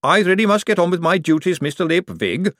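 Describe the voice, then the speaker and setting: A man voicing an earnest female golem clerk who speaks slowly, formally and precisely, in a higher voice than his own. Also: expressive, a bit bright, dry recording, clean studio sound. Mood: prim.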